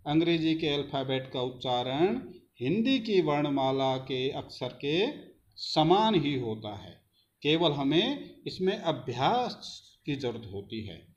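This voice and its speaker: A man's voice: a little high, highs cut off. A man teaching children phonics, spelling words letter by letter and then saying them, asking the class questions as he goes. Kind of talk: slow phonics lesson for children.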